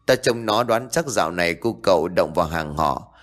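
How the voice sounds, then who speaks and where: A man playing a gruff bullying gangster. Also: sits low, lively intonation, normal speed. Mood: mocking. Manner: gruff, coarse, mocking. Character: rough, bullying male gangster.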